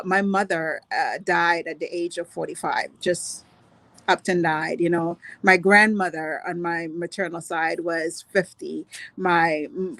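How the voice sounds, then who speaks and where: Speaking as a guest on a video call with no room sound, a woman from Grenada who grew up in Trinidad and Tobago shares a personal story. Her voice is lowish and fairly bright, and she talks earnestly and unhurriedly, sprinkling in many "you know"s.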